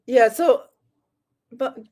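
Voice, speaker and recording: A woman moderates an online panel over a video call. She sounds lively and laughs easily, often stumbling and restarting her sentences as she hands the floor to others. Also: high-pitched, drawn-out words.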